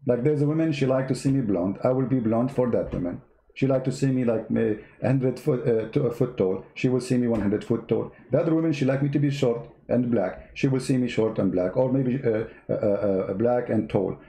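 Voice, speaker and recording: A man who learned English as a second language delivers sarcastic, mocking commentary over played clips, repeating words as he goes. His voice is medium in pitch, brisk and dark-toned, with reverb around it.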